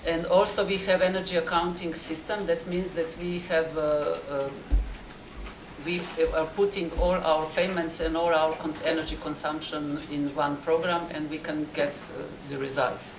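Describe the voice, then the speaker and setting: Low-voiced woman answering questions in a hall. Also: fairly even intonation. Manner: halting, searching for words. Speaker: presenting city official. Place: conference hall. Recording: roomy hall with clear noise.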